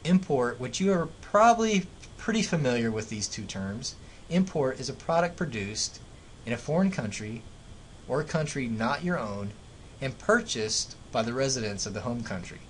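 Man, American accent, professor-style lecture, explanatory teacher delivery, medium pitch, rumbly background noise. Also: big pitch swings, normal speed, rough recording. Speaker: economics teacher. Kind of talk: classroom lecture narrated over slides.

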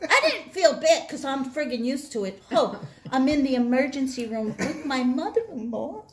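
A woman's voice: high voice, sing-song, normal speed, a loud crowd. A woman in her sixties hosting a casual chat in her kitchen, telling funny stories with lots of laughter. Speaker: host. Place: home kitchen.

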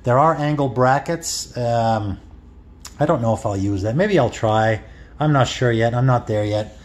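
Speaking a little slowly in a mid-range voice, a home renovation vlogger gives a casual, rambling walkthrough of his kitchen renovation indoors. Fillers and restarts are frequent, and it's shot on a handheld phone camera.

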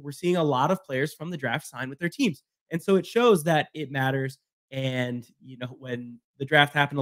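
Animated man on a dry mic. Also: fairly high pitch, dry recording. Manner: animated, repeats phrases, laughs easily. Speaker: podcast co-host. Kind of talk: casual sports podcast chat.

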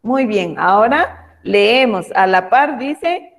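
Primary teacher, woman, online class; affectionate, slow, emphatic; a touch high; reverberant room. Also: expressive, creaky. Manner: patient, slow and emphatic when reading words aloud; affectionate toward pupils. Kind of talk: online class for young children. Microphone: video call.

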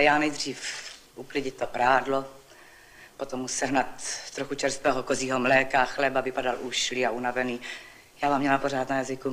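A woman's voice: very deep voice, slight background noise, pitched below the performer's own voice. A woman voicing a busy, fussy housewife who chatters and complains while telling her neighbour a story, in an old literary reading.

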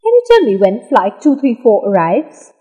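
A woman reads scripted practice dialogue for an English lesson in a husky, breathy, slightly high voice with a lively rising and falling melody. She speaks slowly and enunciates carefully, and the phone-quality sound has a long reverb trailing each phrase.

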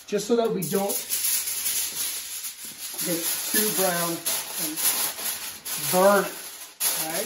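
A man's voice: high voice, far from the mic, noisy background. A middle-aged man hosting a home cooking show, walking through a recipe step by step in an easygoing way and often asking "okay?" while he works in his kitchen. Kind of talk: casual cooking demonstration. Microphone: camera mic at a distance. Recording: echoey kitchen, voice from off-mic.

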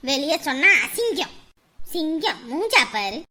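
Woman as a scolding mother, sharp-tongued, very high shrill voice, very bright, mocking, family drama. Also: big pitch swings, a little slow, a little hiss or hum, exaggerated voice.

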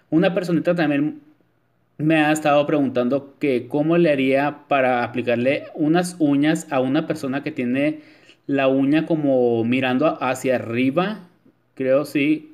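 Using a medium-pitched, slightly mellow voice, a man talks through a nail tutorial as a nail technician. His chatty voice-over is full of filler words, especially "este," and he addresses his viewers as "chicas."

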